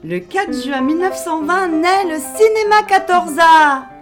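A woman's voice: extremely high pitch, lively intonation, unhurried, over music. A woman reading scripted narration for a radio serial.

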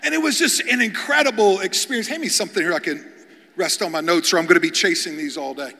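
A male guest pastor tells humorous stories from the pulpit, often stumbling over repeated words as he starts a sentence. His voice sits high and sounds bright and forceful. The large church hall gives it a long, ringing reverb. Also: quick pace. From Kentucky, USA. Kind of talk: storytelling sermon.

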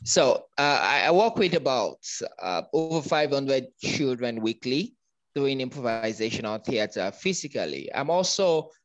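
A man's voice: mid-range voice, sing-song, a little slow, no room sound, lo-fi sound. A man from Nigeria, a guest in a conversational interview, talking with many ums and restarts.

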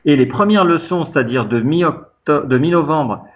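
A man's voice: fairly high pitch, normal speed, muffled recording. Chatty French man telling stories. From France. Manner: chatty, animated anecdotes with many fillers. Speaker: interview guest, pianist. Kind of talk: casual storytelling.

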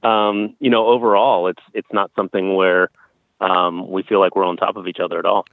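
A man's voice: low voice, little pitch movement, brisk, no room sound. A man in his thirties talking casually as an interview guest, sharing his own experiences. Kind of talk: casual conversational interview, telling personal experiences. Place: outdoors at a campground. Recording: thin phone-like line.

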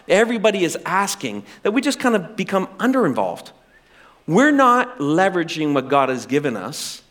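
A middle-aged male pastor preaching a sermon with animated, self-deprecating humor. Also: fairly high pitch.

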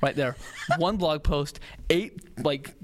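A man's voice: on the high side, slow pace, a little hiss or hum. A man in his thirties or forties co-hosting a podcast, telling personal anecdotes in a casual, jokey way. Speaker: podcast co-host.

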